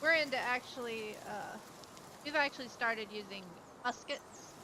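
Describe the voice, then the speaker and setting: A woman streamer jokes and chats as she plays, with a fairly high, lively voice. She is quick to giggle. Steady background noise runs under her voice. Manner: chatty, giggly, quick to joke. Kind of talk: casual gameplay chat.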